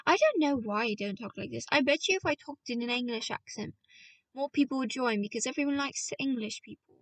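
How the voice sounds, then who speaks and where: In a high-ish voice, a little fast, a woman reads a novel aloud as a casual audiobook, playing with character voices and often breaking off to chat with listeners. The recording is rough, distant, and has no echo.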